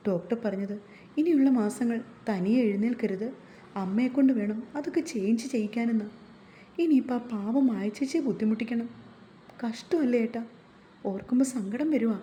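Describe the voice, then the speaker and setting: A woman's voice: fairly high pitch, moderate pace, mellow, slight background noise, lightly acted. A woman voicing an anxious, plaintive pregnant young wife in a read-aloud story. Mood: worried. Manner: worried, plaintive.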